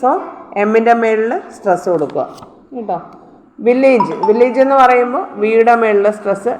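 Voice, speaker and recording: A woman's voice: fairly high pitch, normal speed, a little mellow, poor audio. A woman teacher explaining word stress to students, repeating words and spelling them out letter by letter. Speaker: English teacher.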